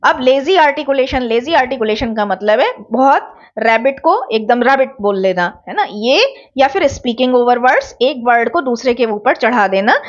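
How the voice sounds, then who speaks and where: A woman's voice: fairly high pitch, expressive, moderate pace, highs cut off. A young woman, teaching an online exam-prep lecture and explaining terms with examples. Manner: explains terms with examples, mixing English words into Hindi.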